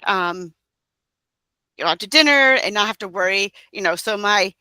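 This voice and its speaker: A woman's voice: medium pitch, animated, normal speed, pushed and bright, clear, resonant tone, no echo. A woman in her thirties, an interview guest, talking casually and rambling with many fillers. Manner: rambling, frequent fillers and restarts. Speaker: guest, direct-sales entrepreneur.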